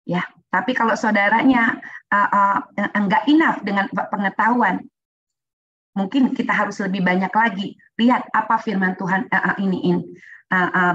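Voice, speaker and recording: A woman teaching a church group, urging listeners earnestly, dropping in English phrases and pausing with frequent fillers. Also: mid-range voice, fairly bright tone, muffled recording. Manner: earnest, exhorting, many "uh" pauses. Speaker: Bible teacher. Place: online worship meeting.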